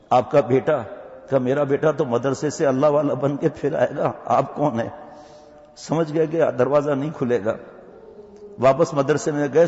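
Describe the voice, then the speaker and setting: A man's voice: medium pitch, darkish tone. A man giving a storytelling sermon as a religious scholar, voicing each person in the tale in turn. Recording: dull, echoey hall sound.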